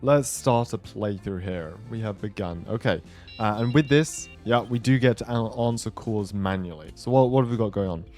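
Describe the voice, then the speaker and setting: Over background music, a man with a fairly low, slightly mellow voice commentates casually on gameplay at a moderate pace. As host, he thinks out loud and reasons through his choices as he goes.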